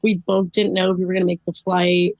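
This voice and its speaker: A woman's voice: lowish voice, level tone, fast, darkish tone, no echo. A woman guest in a casual podcast interview, talking chattily with lots of "like" and "um". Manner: chatty, fills speech with "like" and "um".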